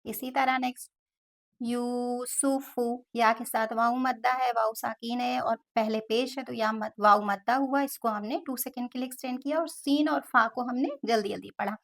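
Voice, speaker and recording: In a slow, step-by-step tajweed lesson, a woman teaching Quran recitation spells out each letter and then draws out every long vowel. Her voice is fairly high and fairly bright, with fairly even intonation, a moderate pace, and hardly any pauses.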